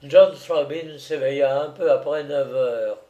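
A male audiobook narrator who reads in a measured, deliberate way. His voice sits slightly high for a man, and he takes an unhurried pace through the story. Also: dark tone, echoey room, lo-fi sound. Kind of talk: audiobook reading.

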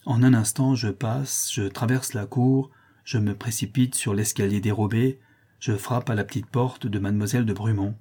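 A man's voice: fairly low pitch, steady tone, moderate pace, mellow, slightly rough. A man reading an old French novel aloud in the first person, with an impassioned dramatic delivery. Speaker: audiobook narrator. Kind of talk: literary first-person narration.

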